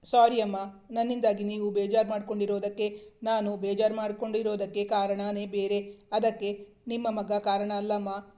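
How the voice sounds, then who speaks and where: A woman reading the lines of a worried young wife in an audiobook, quietly and earnestly. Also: medium pitch, level tone, moderate pace, lightly acted. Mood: apologetic.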